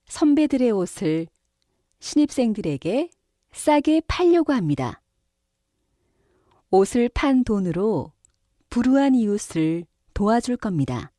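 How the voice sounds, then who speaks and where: Female announcer for exam listening passages; polite, formal, precise diction, lively intonation, very dry recording. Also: mid-range voice, no echo. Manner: polite, formal, carefully enunciated. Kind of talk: scripted public announcement for a language listening test.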